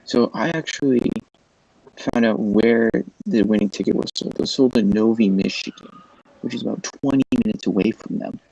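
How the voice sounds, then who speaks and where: A man's voice: lowish voice, normal speed, gravelly, warm tone, no echo, muffled recording. A man chatting casually on a livestream, explaining things step by step. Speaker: livestream guest. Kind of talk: casual chat.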